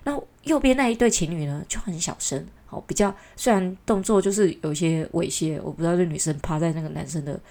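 A woman's voice: fairly low pitch, fast, hardly any pauses, mellow. A woman from Taiwan with a Taiwanese Mandarin accent, telling a story in a casual, chatty way, exasperated and full of mocking asides. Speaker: vlogger.

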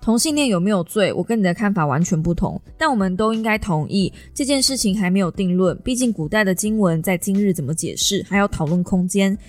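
A woman voicing a weary, earnest adult daughter who pleads and then reasons calmly. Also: medium pitch, fairly quick, few pauses, dry recording, lightly acted.

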